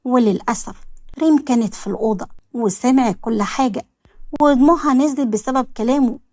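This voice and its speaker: A woman with an Egyptian accent narrating a romance story in a plain, steady way. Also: fairly high pitch, a little fast, dry recording.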